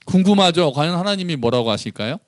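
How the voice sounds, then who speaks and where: A man's voice: fairly high pitch, expressive, fast, no echo, studio quality. A man, a pastor, preaching a conversational sermon and acting out dialogue between the characters.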